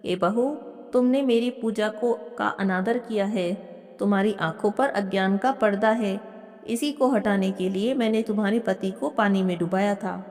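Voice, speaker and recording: A woman voicing a gentle but commanding motherly goddess who speaks slowly and solemnly, for a devotional storybook. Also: mid-range voice, lightly acted. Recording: long hall reverb.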